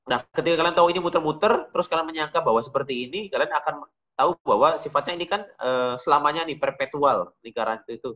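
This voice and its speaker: A man's voice: on the high side, fast talker, a bit bright, dull audio. A man teaching a beginner digital painting class, talking casually and directly to his students. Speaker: art teacher.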